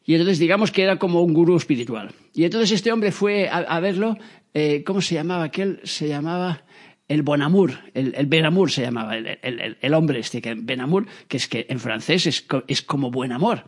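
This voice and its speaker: Guy from telling a story about his dad, talks super fast, slightly high voice, does little voices. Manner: lively, acts out quoted voices, frequent restarts.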